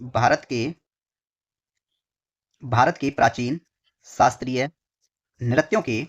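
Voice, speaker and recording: Man, exam tutor, dictating notes, repetitive, dull recording, pen scratching behind. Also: medium pitch. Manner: repetitive, dictating slowly while writing; addresses students fondly and often. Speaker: exam coaching teacher. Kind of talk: whiteboard lesson.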